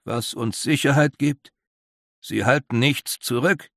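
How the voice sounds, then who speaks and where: A man's voice: mid-range voice, unhurried, gravelly, fairly bright tone, no echo, pitched above the performer's own voice. A cautious older councilman, voiced by a male reader, who speaks in a dry, skeptical way. The sound is close and dry.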